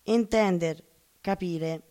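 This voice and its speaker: A woman reading a scripted language lesson in a measured, deliberate way, pausing over lists of words. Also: on the low side, warm tone.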